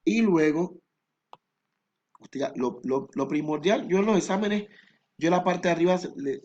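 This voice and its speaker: A man's voice: fairly high pitch, darkish tone, muffled recording, a little hiss or hum. A male math teacher, explaining a statistics lesson patiently step by step.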